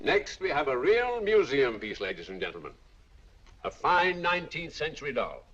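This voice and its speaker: A man's voice: mid-range voice, wildly swooping pitch, normal speed, fairly bright tone, faint music behind. An actor playing a persuasive male auctioneer with a showy sales patter. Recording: dull old film soundtrack.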